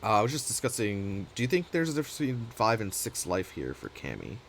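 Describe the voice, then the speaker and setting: Deep-voiced man casting a card game. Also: huge pitch swings, fast, slight background noise. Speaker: caster, host. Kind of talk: casual game commentary.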